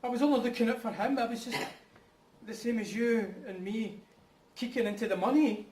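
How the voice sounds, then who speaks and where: A nervy, meddling husband, played by a man in a rehearsed drama reading, excitable and self-justifying. The voice is high for a man and heard from off in a roomy space. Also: a little fast. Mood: apologetic, defensive. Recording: roomy, distant mic, background noise.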